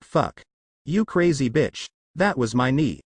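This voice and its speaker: Man reading as a crude young sharpshooter, mocking, animated pitch, husky. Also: slow, dry recording, studio quality, heavily acted.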